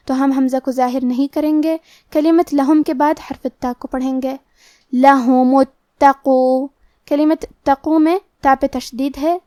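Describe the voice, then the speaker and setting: A woman with a high voice teaches recitation rules at a slow, careful pace. The sound is dry and close, with no room around it. She walks through each rule step by step. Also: warm tone, no room sound. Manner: slow, measured explanation with drawn-out demonstration words. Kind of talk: tajweed lesson, explaining rules in Urdu.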